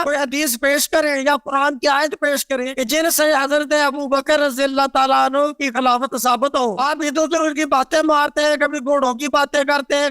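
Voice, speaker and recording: A man's voice: extremely high pitch, bright, forceful tone, no echo, studio quality. A man moderating a heated religious debate, pressing a speaker to bring evidence.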